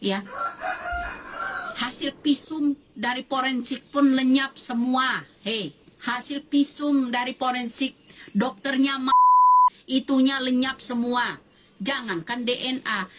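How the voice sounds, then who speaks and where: A woman in her fifties who comments on social media delivers a fiery, emphatic video statement, repeating phrases and demanding answers. Her voice is high and slow with frequent pauses, and there's noise in the background.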